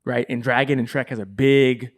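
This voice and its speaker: A man's voice: medium pitch, fairly even intonation, normal speed. A middle-aged man co-hosting a podcast in casual chat, explaining at length with many restarts. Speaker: podcast co-host.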